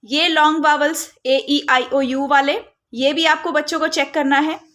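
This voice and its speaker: A woman giving a phonics lesson for parents, modelling letter sounds slowly and mixing in English terms. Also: sits high, fairly even intonation, fairly bright tone. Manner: mixes Hindi with English terms. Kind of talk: instructional tutorial.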